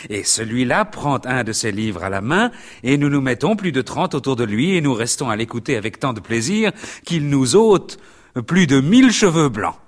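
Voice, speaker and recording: A man's voice: mid-range voice, sing-song, normal speed. A man voicing a simple, book-loving middle-aged innkeeper in an audiobook. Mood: enthusiastic. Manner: hearty, stubborn.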